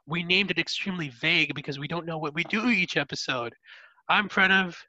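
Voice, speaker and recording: A young man opens a casual podcast with playful, teasing banter. His voice is high and bright, and the recording is dry and a bit dull. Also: brisk, dry recording. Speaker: podcast host.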